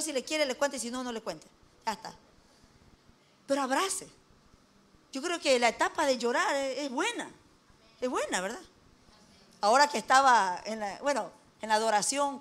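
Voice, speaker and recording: A woman's voice: on the high side, a bit bright. A middle-aged woman with an Ecuadorian accent preaching a conversational sermon, folksy, asking her listeners questions and joking lightly. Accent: Ecuadorian Spanish.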